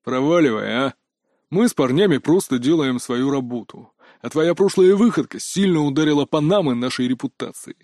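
A man voicing a hostile armed guard who speaks bluntly and menacingly in rough slang. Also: fairly high pitch, lively intonation, moderate pace, a little mellow, no echo, clean studio sound, lightly acted. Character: hostile tough male armed guard, gruff. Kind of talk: audiobook character voice.

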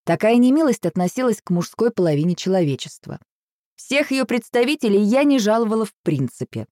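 A woman narrating a first-person story aloud in an expressive, ironic manner. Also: medium pitch, fairly quick, no echo, studio quality.

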